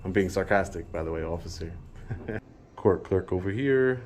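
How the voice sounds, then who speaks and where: A man's voice: deep voice, moderate pace, a little mellow, a little hiss or hum. A talkative man recording public officials, making his case in casual, insistent conversation and often repeating himself. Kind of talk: casual confrontational chat.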